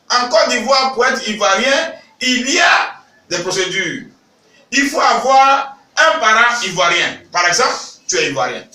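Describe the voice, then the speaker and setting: At a press conference, a man from Ivory Coast speaks emphatically, rising to shouts when he stresses his points. His voice sits high and is picked up off-mic from a distance in an echoey room.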